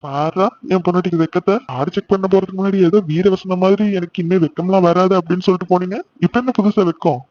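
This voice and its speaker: A man voicing a fast-talking doting cartoon husband. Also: high-pitched, lo-fi sound, natural voice. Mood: teasing. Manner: excited, teasing and affectionate. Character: young husband, eager and doting, playful. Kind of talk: cartoon voice acting.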